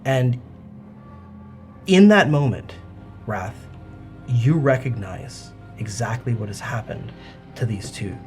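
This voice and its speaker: A man narrating a tabletop role-playing game as game master, in halting, improvised phrases. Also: mid-range voice, expressive, darkish tone, faint music behind.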